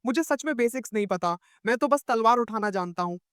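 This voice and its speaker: A man's voice: very high voice, lively intonation, brisk, a bit bright, clear, resonant tone, no room sound, studio quality. A man voicing a sly eight-year-old boy who puts on a mock-innocent, cheeky manner in a narrated manhwa recap. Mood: faux-innocent.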